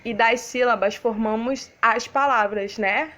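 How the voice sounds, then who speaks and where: A primary school teacher with a Brazilian Portuguese accent records a lesson for young children, explaining patiently and didactically. Her voice is a little high, a little slow, and fairly bright, and she often checks in with "né, crianças?".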